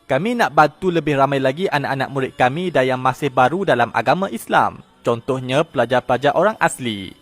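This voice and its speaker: A man delivers a scripted news report in a steady, even tone. His voice sits at a middle pitch, and faint music plays beneath it. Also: brisk. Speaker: narrator.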